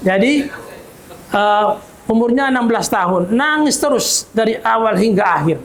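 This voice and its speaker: A man preaching to a gathering, telling a story in a calm, measured way. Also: reverberant. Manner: calm, measured, quotes voices in a lower tone. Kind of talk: sermon with storytelling.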